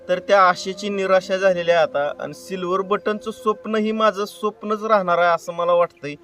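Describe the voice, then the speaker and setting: Addressing his viewers directly, a man known as a YouTube creator and prank caller pleads earnestly and plainly, saying things more than once to drive them home. He has a high, somewhat bright voice picked up by a distant mic.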